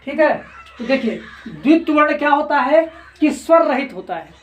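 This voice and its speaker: A woman teacher giving a grammar lesson, speaking deliberately and answering her own repeated questions. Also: high voice, sing-song, lo-fi sound, slight background noise. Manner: slow, repetitive, keeps asking and answering her own questions. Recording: echoey room, voice from a distance.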